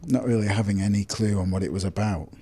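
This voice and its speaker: 40s man, interview guest; husky, low, halting delivery. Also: fairly even intonation, mellow. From Lancashire, England. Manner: halting, repeats words, many "you know" fillers. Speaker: guest, psychotherapist. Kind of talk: casual interview.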